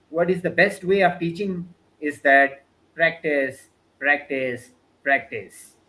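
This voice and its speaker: This guest lecturer from Pakistan, a Balti speaker with a Pakistani accent, answers questions in an earnest webinar talk over a video call, leaning on fillers like "you know" and "means." His voice sits on the high side and sounds a bit bright, and the audio is poor.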